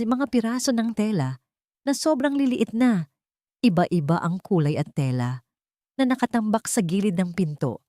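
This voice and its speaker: A Filipino woman narrates a dramatic story in a slightly low voice that is very soft-edged and mellow. The recording is dry and close, without any room sound.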